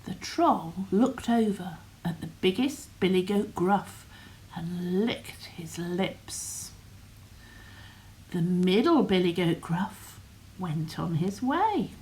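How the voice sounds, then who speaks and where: An older woman reading a bedtime story aloud, slowly and softly, often half-whispering. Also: fairly low pitch, animated, rough recording.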